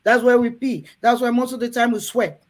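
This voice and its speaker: Speaking briskly, with fairly even intonation in a higher voice, a woman from Cameroon hosts an earnest, candid talk for women in a room. She keeps coaxing her listeners, often turning to the ladies present.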